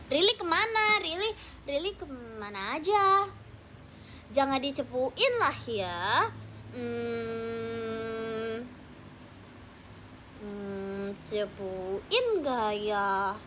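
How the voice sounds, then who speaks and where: A woman's voice: on the high side, expressive, very slow, pauses often, bright, forceful tone, a little hiss or hum. A teenage girl hosting a casual livestream chat with fans, playful and teasing, talking at home at night. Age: teens. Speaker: idol livestream host.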